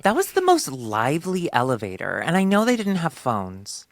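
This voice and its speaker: A man in his forties, a podcast guest, chatting casually with animated, teasing sass. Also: on the high side, normal speed, creaky, no room sound, clean studio sound. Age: 40s. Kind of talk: casual chat.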